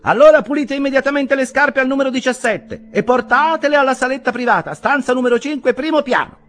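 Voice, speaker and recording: A man voicing an old woman innkeeper, always busy, who shouts orders and scolds. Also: fast talker. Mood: scolding. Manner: shrill, scolding. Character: bustling old female innkeeper, bossy.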